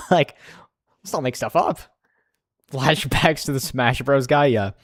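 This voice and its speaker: A man's voice: mid-range voice, measured pace, no echo. A young man doing live reaction commentary as a streamer, incredulous and laughing often.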